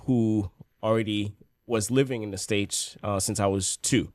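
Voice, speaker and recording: A man's voice: on the low side, fairly even intonation, measured pace, a little mellow, no room sound. A man in his forties from Haiti, a podcast guest telling his story in an easygoing way. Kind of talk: casual interview.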